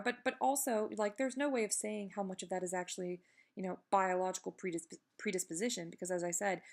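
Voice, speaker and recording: A woman's voice: on the low side, vocal fry. A woman giving a casual, chatty video update while recovering the day after surgery, candid and self-deprecating, wandering into digressions. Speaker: video blogger giving a personal health update.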